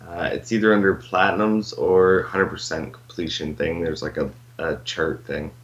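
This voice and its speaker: A man co-hosting a casual gaming podcast, laid-back and low-key, chuckling and mumbling fillers. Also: flat delivery, moderate pace. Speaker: podcast co-host. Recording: slightly dull lo-fi mic.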